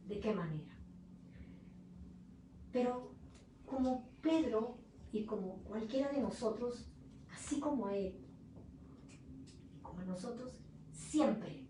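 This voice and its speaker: A woman pastor preaching a sermon as emotional storytelling, moving from loud to hushed moments. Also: medium pitch, a little hiss or hum. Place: church hall. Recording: distant, very echoey room.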